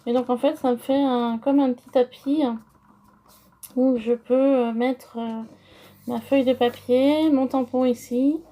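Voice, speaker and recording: Brief: French woman, high mellow voice, unhurried, hesitant craft-tutorial host. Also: steady tone. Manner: slow, hesitant, many fillers.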